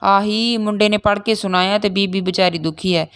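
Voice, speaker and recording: A woman's voice: mid-range voice, fairly even intonation, a little fast, fairly bright tone, clean tone, no room sound, studio quality, pitched above the performer's own voice, close to an everyday voice. A woman reading the part of a grieving village mother, tearful and pleading, with a raised, lifted voice. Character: middle-aged Punjabi village mother, grieving for daughter.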